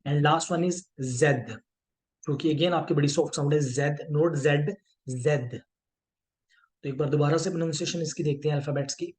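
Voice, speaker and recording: A man teaching a language lesson, mixing Hindi and English and repeating each sound slowly for learners. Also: fairly high pitch, steady tone. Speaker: French teacher.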